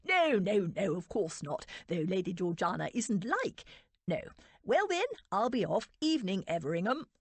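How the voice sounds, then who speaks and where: A woman narrator voicing an eager, pompous young lord in a romance audiobook, calling out loudly and fussily. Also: mid-range voice, sing-song, normal speed, breathy edge, dry recording. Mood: flustered.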